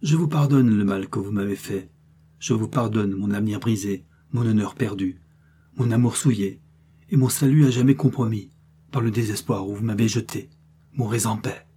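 Male reader doing a cold nobleman judge, stern and husky. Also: on the low side, moderate pace, dark tone. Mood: solemn. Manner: cold, firm pronouncements. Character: cold, stern nobleman swordsman passing judgment.

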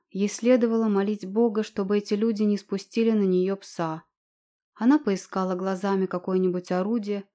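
A woman reading a historical novel aloud with an even, dramatic delivery. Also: mid-range voice. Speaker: audiobook narrator. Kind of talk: scripted narration.

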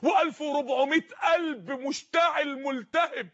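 A man preaching an impassioned sermon in an Egyptian accent, pleading and shouting, repeating his phrases for emphasis. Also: very high-pitched, moderate pace, highs cut off. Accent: Egyptian Arabic.

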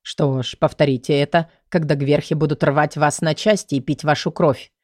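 A woman voicing a stern male lord and mage who speaks quietly and curtly, in a low, controlled tone. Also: fairly even intonation, normal speed, dry recording, studio quality, natural voice. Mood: grim.

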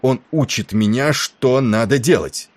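Male narrator voicing an irate first officer; loud, clipped, cursing audiobook shouting. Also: on the low side, animated, normal speed, no room sound, voice pushed up. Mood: furious. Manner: shouting, barking orders. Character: furious middle-aged male naval first officer.

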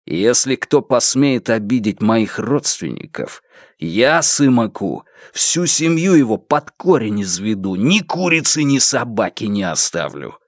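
A grim bandit chief and father speaks in a slow, measured, deliberate way , as a male reader plays him close to his own voice. His tone stays low and even. The recording is dry and close. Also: no room sound. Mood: stern. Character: stern bandit leader and father, grim and resolute.

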